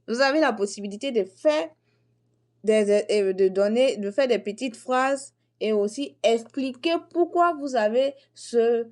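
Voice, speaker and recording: A young woman teaching a beginner French lesson, saying each phrase slowly and repeating it for learners. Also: fairly high pitch, darkish tone.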